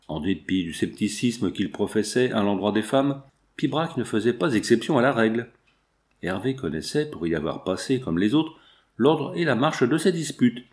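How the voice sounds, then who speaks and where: A man reading a classic novel aloud in a measured, even storytelling manner. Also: on the low side. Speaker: audiobook reader.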